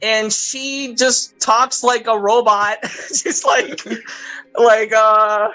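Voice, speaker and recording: A man hosting a podcast, casually recapping a cartoon movie in an animated way and acting out characters' lines in quoted voices. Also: high voice, extremely slow, faint music behind, rough recording. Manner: frequent fillers and laughter. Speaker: podcast host.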